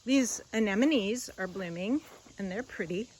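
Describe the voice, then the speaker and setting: A woman's voice: medium pitch, lively intonation, a little slow, a little mellow, low-quality recording. A woman chatting casually and unscripted as she walks around a garden, musing and trailing off as she shows what is there. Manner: musing, rambling, trailing off mid-thought. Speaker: gardening vlogger giving a garden tour. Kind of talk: casual chat, unscripted garden walk-through. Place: outdoors in a garden, walking about. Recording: outdoor ambience with insect noise. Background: faint crickets and insects.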